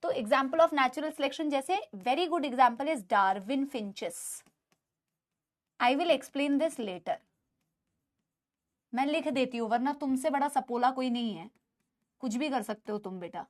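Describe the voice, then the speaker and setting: Speaking slowly and pausing often, a high-pitched woman with an Indian accent delivers an online biology lecture. She mixes Hindi and English, urges her students along as "beta," and says that in class she usually shouts.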